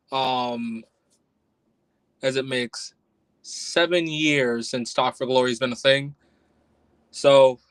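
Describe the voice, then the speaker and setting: A man's voice: medium pitch, dry recording, low-quality recording. A man hosting a casual solo podcast review, talking bluntly and with exasperation, and a little out of breath. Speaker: podcast host.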